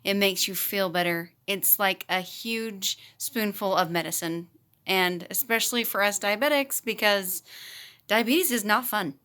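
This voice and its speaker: Woman, 30s, teacher vlogging; bright, tense tone, animated, chuckles through the story. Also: mid-range voice, a little slow. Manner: animated, laughs often while telling. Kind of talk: casual storytelling to camera.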